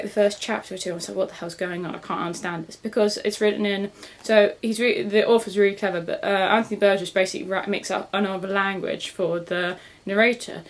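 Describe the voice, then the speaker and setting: A young woman talks through her monthly reading in a loose, rambling way. She corrects herself mid-sentence and laughs easily. Her voice sits at an ordinary middle pitch. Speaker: book vlogger. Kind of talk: casual book review chat.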